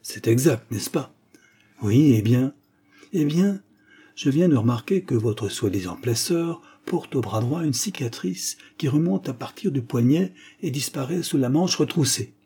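A man reads a composed, sharp-minded detective in an audiobook. The voice is mellow and a touch husky, and it stays steady and certain as the detective explains himself. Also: mid-range voice, unhurried, voice pushed up. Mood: assured. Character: calm, confident male detective, sharp-minded. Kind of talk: audiobook character reading.

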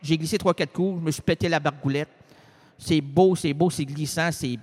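A bumbling small-town police officer with a Quebec French accent, as a man puts him on in a comedy radio sketch. He rambles along in a high voice, tripping over words and twisting names as he goes. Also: steady tone, moderate pace, a little mellow, close to an everyday voice. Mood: goofy.

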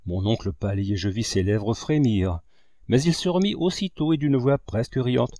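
Male audiobook narrator, expressive and dramatic; mellow tone, close dry mic. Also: medium pitch, normal speed, dry recording. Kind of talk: audiobook reading.

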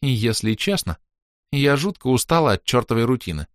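A man's voice: medium pitch, big pitch swings, brisk, dry recording, voice pushed up, close to an everyday voice. A man voicing a tired, dry-spoken noblewoman clan leader in an audiobook. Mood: calm.

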